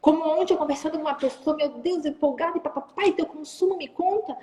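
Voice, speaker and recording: A woman, a guest in a live-stream interview, talking in an animated way and acting out sales calls. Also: sits high, fast, big-room sound, a little hiss or hum. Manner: animated, acts out phone calls and sales talk. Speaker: entrepreneur guest. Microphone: phone or video call.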